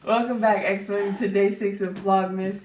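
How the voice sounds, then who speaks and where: A woman's voice: mid-range voice, fairly even intonation, a little slow, a little mellow, recorded from a distance. A woman hosting a casual family vlog at home, talking in an easy, upbeat way. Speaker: vlog host. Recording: echoey room, off-mic, noisy.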